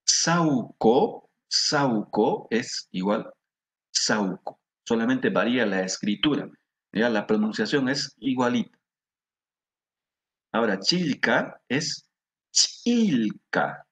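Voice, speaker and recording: A middle-aged male teacher with a Peruvian Spanish accent leads a class. He speaks very slowly in a lowish, husky voice and repeats each word so the students can echo it. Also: fairly bright tone. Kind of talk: classroom lesson.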